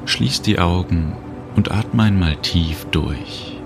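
A man narrating a guided relaxation journey, speaking slowly and soothingly. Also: low voice, creaky. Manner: slow, calm, soothing. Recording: music bed under voice. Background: music and cricket sounds.

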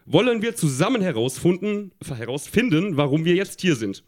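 A man's voice: high-pitched, very animated, moderate pace. A man voicing a friendly, eager young boy in a chatty everyday tone on a live stage. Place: live stage before an audience.

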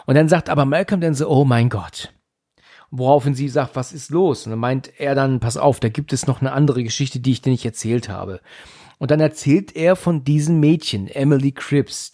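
A man's voice: medium pitch, normal speed, warm tone. A man casually retelling a film's plot, talking loosely with many fillers and restarts. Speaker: podcast host recapping a film. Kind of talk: casual film discussion.

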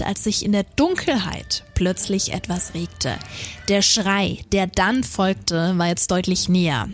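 A woman podcast co-host reading a creepy first-person story aloud in a measured, suspenseful way. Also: mid-range voice.

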